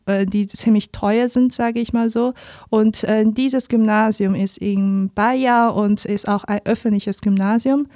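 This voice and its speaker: A woman's voice: mid-range voice, warm tone, no room sound. A woman in her twenties from China, a native Chinese speaker with a Chinese accent, telling her story as a guest in a studio interview, careful and with many fillers. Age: 20s. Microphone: studio mic.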